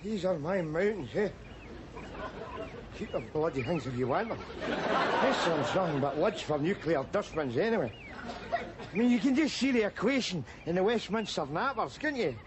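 A mouthy middle-aged Glasgow man rants in a broad Glaswegian Scottish accent, his fairly high voice swooping wildly between sarcastic jeers and shouts. It is a TV sitcom scene with a lot of noise from the outdoor location behind him. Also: expressive, normal speed. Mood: ranting. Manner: ranting, sarcastic, bursts of jeering shouts. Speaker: sitcom lead character. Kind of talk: television sitcom acting.

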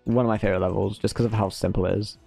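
A man's voice: lowish voice, steady tone, rapid-fire, gravelly, over music. A young man in casual banter during a speedrun race, laughing often. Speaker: rival speedrunner. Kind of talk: casual chat while gaming.

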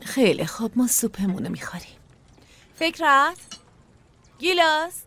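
A woman's voice: high-pitched, very animated, exaggerated voice. An actress dubbing a caring young woman who looks after her younger siblings. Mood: gentle. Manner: gentle, caring. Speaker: older sister caring for siblings. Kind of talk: Persian TV drama dubbing.

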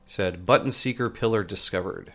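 Speaking at normal speed, this thirtysomething let's play host has a cold that's left his nose blocked. After an energetic hello, his gameplay commentary turns into quiet mumbling to himself. A big boom-arm studio microphone captures him in a home room lined with plush-toy shelves.

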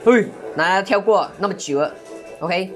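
A woman doing excitable live gameplay commentary, full of exclamations and mild curses. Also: mid-range voice, unhurried, faint music behind. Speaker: game streamer.

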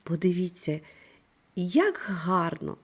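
A woman teaching a primary school reading lesson, speaking slowly and clearly in an instructive manner. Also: fairly low pitch. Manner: slow, clear, instructive delivery with lively intonation. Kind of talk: scripted online reading lesson.

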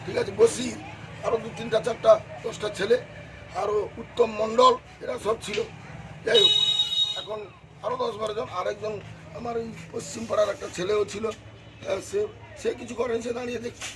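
A man's voice: high voice, level tone, moderate pace. An older man with a West Bengal Bengali accent, a former councillor, agitatedly recounting an attack on his home to a reporter. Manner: agitated, acts out the quarrel in quoted speech. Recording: noisy outdoor street recording.

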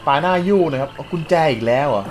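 A young man giving casual, excitable gameplay commentary, swearing often and breaking into loud outbursts. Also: mid-range voice, very fast, a little hiss or hum, poor audio. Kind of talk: casual let's-play commentary.

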